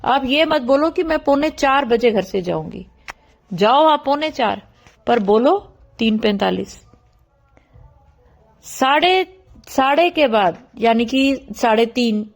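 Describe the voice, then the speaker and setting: Middle-aged Indian woman giving a devotional talk. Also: on the high side. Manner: explanatory, addresses listeners directly. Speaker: satsang speaker.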